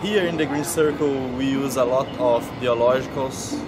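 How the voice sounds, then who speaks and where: A man's voice: mid-range voice, moderate pace. A young man from Brazil, a new greenhouse intern, speaking in simple, careful phrases. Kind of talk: casual to-camera testimonial. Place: large greenhouse, indoors. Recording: loud ventilation noise behind.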